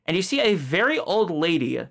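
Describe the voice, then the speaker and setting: A game master narrating a tabletop game, improvising in a halting way and repeating phrases. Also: medium pitch, big pitch swings.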